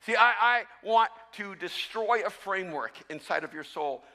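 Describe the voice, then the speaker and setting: A man from El Salvador preaches with a very high, sharply bright voice that bounces into a long hall reverb. He is animated and self-mocking, and he often trips over his words and restarts. He sounds like a pastor in the middle of a sermon. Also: normal speed.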